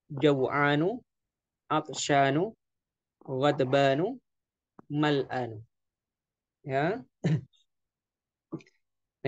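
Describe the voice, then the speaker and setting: A man teaching an Arabic vocabulary lesson, explaining slowly and repeating words with frequent fillers. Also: a little high, no room sound, dull audio. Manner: slow, repetitive explaining with frequent "ya". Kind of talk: classroom lesson.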